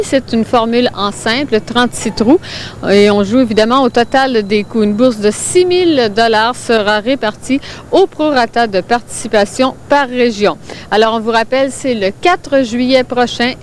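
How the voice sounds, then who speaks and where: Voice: medium pitch, a little hiss or hum. An announcer delivering an informational broadcast announcement about tournaments.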